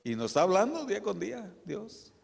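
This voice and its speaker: A man preaching a sermon as pastor, in a conversational style with frequent tag questions and soft asides. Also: high voice, very animated, brisk, vocal fry, breathy edge. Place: church sanctuary. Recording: reverberant church hall.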